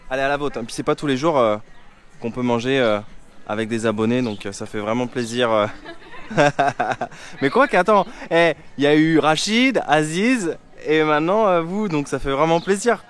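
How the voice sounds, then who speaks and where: A man talking casually to camera on a travel vlog, relaxed and chatty with frequent laughs, tired from the trip, recorded outdoors at a street restaurant on a handheld camera mic. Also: on the high side, moderate pace. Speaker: travel vlogger.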